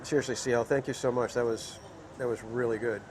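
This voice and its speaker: A man chats easily with his viewers as he strolls through a busy theme park, his voice in a plain middle pitch. He rambles in a relaxed way through a handheld camera mic. Loud outdoor park noise runs under everything he says. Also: fairly quick. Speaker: livestream host. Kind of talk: casual walking livestream chat.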